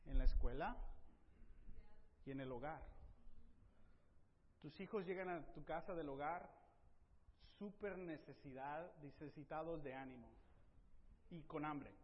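A middle-aged pastor preaches to his congregation in a high, lifted voice. He urges his listeners on, punctuating points with amens and softening at the ends of phrases. The recording is dull and carries the long echo of a church hall. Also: measured pace, long pauses, slight background noise. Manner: exhorting, frequent "amén", drops to soft emphasis at phrase ends. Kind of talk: bilingual church sermon. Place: church sanctuary.

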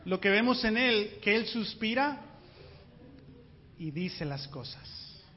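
Male pastor, high-pitched, animated sermon delivery, recorded in a reverberant hall. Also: slow. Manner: animated, rhetorical questions to the congregation. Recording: muffled sound with long hall reverb.

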